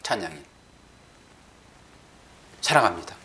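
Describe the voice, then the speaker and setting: A middle-aged man preaching a sermon in a casual, conversational way, his voice bright and ringing. He talks directly to the congregation with questions. His pitch swings widely as he goes. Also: animated, slow pace, slight background noise. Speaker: pastor.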